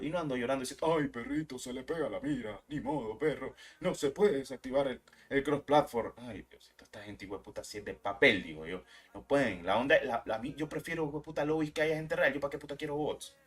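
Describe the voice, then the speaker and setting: A man's voice: medium pitch, a bit bright. A young man, hosting a gaming channel and ranting heatedly in casual, profane commentary.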